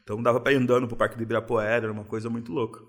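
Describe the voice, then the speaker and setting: Relaxed São man, slang-heavy. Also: mid-range voice, rapid-fire. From São Paulo, Brazil. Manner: relaxed, reflective, uses street slang. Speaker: guest. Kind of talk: casual interview.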